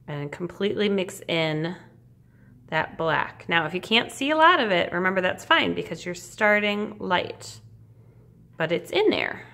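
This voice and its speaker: A woman art teacher giving a casual step-by-step demonstration in an encouraging, reassuring, informal way, with a creaky voice. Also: fairly low pitch, a bit bright.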